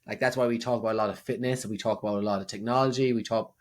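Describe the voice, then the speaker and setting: A man's voice: on the low side, fairly even intonation, rapid-fire. A man with an Irish accent co-hosting a podcast in casual chat, rambling and often restarting his sentences. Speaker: podcast co-host.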